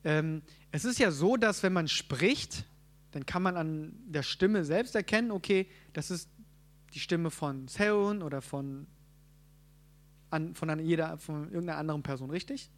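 A man preaching a sermon, teaching a group and asking them questions. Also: on the high side. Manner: asks the audience questions, quick asides.

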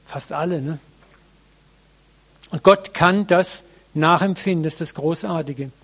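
Preaching a sermon to his congregation, a man speaks earnestly and reflectively, addressing listeners directly and pausing often. His voice is on the high side and a bit bright.

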